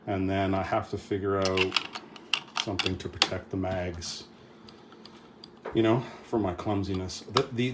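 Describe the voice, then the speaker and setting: A middle-aged man with a low voice talks through a casual vlog update. He rambles, restarting sentences and filling gaps with ums and uhs. A faint hum of room noise sits behind him. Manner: rambling, with many fillers and restarts. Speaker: firearms channel host.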